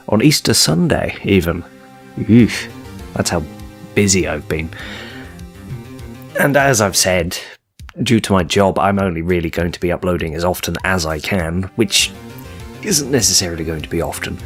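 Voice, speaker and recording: A man giving casual playthrough commentary as a gaming host, in a wry, self-deprecating way. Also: low voice.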